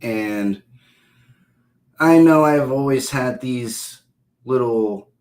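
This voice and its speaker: A man in his thirties from Ohio talks to his stream chat in an unhurried, drawn-out way. He is loose and profane. His voice sits at a middle pitch and carries a roomy echo. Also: darkish tone. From Ohio, USA. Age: 30s. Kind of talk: casual live-stream chat with viewers.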